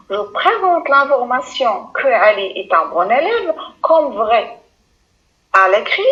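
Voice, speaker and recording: High-voiced slow patient woman teacher. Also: pushed and bright, highs cut off. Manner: slow, patient, repeats words and addresses pupils directly. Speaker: primary school teacher. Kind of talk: recorded lesson for pupils.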